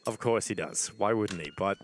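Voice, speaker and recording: A man's voice: on the low side, normal speed. A man commentating on an esports match as a caster, in flowing, narrative sentences.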